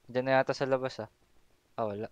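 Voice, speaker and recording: A man in a casual voice chat while gaming, counting down and barking quick commands to his team. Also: medium pitch, fairly even intonation, crowd noise. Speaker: gamer calling the plays.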